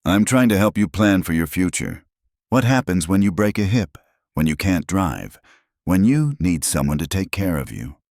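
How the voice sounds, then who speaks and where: A man's voice: low-pitched, very animated, moderate pace, darkish tone, no echo, voice pushed up. A man voicing a pushy, resentful grown daughter who pressures her father, in a dry close recording. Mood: pushy, upset. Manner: insistent, pressuring.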